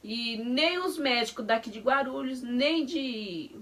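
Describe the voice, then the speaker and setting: A woman's voice: on the high side, animated, takes it slowly, fairly bright tone. A middle-aged woman, telling a story vividly and acting out the dialogue. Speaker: guest, vlogger's mother. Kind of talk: personal testimony chat.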